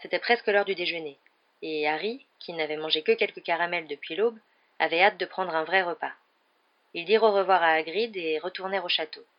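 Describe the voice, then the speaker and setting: A woman narrating a children's novel aloud in a steady, measured storytelling voice, with a dull lo-fi sound. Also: on the low side. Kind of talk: audiobook narration.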